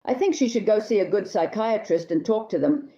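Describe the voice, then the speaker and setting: A woman's voice: medium pitch, lively intonation, a little fast, dark tone, slightly rough, muffled recording. A woman marriage therapist answering viewer questions, giving blunt, emphatic advice and speaking straight to the listener.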